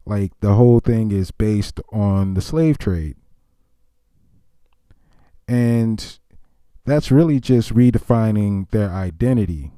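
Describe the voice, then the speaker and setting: A man hosting a reaction commentary, explaining in a calm, measured way. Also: fairly low pitch, clear, resonant tone, no echo, clean studio sound. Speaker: commentary channel host.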